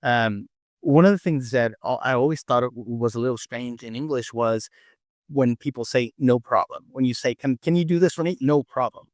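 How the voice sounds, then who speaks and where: A podcast guest who owns a restaurant and cooks, originally from Mexico City and a native Spanish speaker with a Mexican accent, chats through interview questions and tells anecdotes. He speaks at normal speed in a mid-range voice, recorded in studio quality with no echo.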